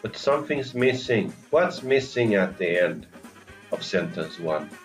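A male English teacher giving an online lesson to young learners, speaking slowly and deliberately and modeling pronunciation for them to repeat. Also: lowish voice, sing-song, soft background music, rough recording.

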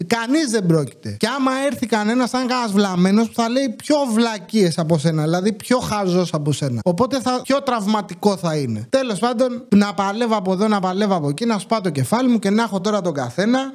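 A young man with a fairly high voice tells his story in a loose, chatty monologue. He talks a lot and mocks himself, slipping into his own past lines as quotes. It is casual storytelling, not a scripted read. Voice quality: talkative, animated storyteller. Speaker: YouTuber, channel host. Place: indoor room with his wife nearby.

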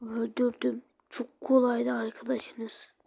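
A woman voicing a cold, taunting ragdoll killer in a low, hushed whisper. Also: level tone, measured pace, creaky.

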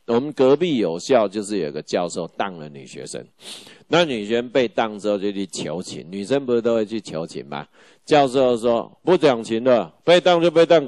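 A middle-aged man, lecturing law exam students in a joking, animated way and firing rhetorical questions at the class. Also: deep voice, dry recording.

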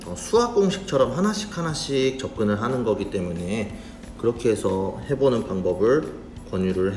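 A man teaching children English phonics in a slow, patient, friendly manner, spelling words out letter by letter. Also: on the low side, darkish tone, a little hiss or hum. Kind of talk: children's reading lesson. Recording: roomy sound with faint music.

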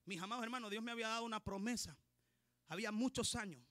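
Male preacher, fervent sermon, very high voice, dry close sound. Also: quick pace, dry recording. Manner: fervent, builds to shouting.

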